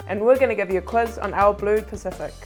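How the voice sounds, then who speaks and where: A woman's voice: mid-range voice, fast talker, faint music behind. A woman introducing a quiz in a scripted way as its presenter.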